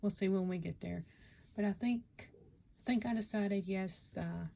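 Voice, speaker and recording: A woman's voice: medium pitch, unhurried, vocal fry, dark tone, rough recording. A woman chatting casually to camera about her Lego builds, rambling and correcting herself, with hiccups. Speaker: Lego vlogger. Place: home Lego room.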